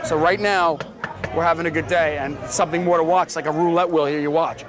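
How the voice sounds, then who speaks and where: A man's voice: fairly high pitch, fairly even intonation, fairly quick. A man speaking casually as a hedge fund trader, giving a running explanation of his work. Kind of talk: casual documentary commentary on trading. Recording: busy crowd and music behind.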